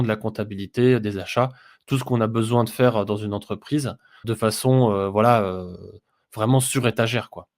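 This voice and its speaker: Hesitant French man explaining business software. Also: lowish voice. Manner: hesitant, many "heu" fillers, explanatory. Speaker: podcast co-host, business software consultant. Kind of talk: casual business podcast discussion.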